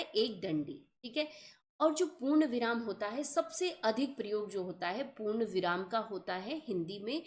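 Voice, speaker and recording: A young woman teaching an exam-prep grammar lesson, explaining patiently and often checking that her students follow. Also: fairly high pitch.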